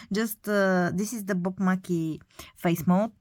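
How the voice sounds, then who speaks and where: Speaking slowly in a somewhat mellow, medium-pitched voice, a woman in her thirties with a Bulgarian accent chats about the dolls she collects. It's relaxed vlog narration full of hesitant fillers, recorded without echo.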